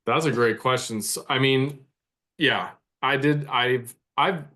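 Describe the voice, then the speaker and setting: In a conversational podcast interview, a Canadian mindset coach in his forties reflects aloud as a guest, frequently repeating words while he thinks. His voice sits at a medium pitch and has a slightly bright quality.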